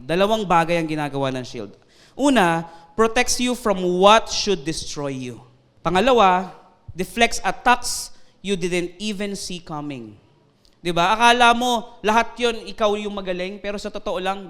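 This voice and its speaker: A man's voice: high voice, fairly bright tone, clear, resonant tone. A man with a Filipino accent preaching a sermon, joking with the congregation, laughing often and mixing Tagalog with English. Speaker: pastor. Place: church.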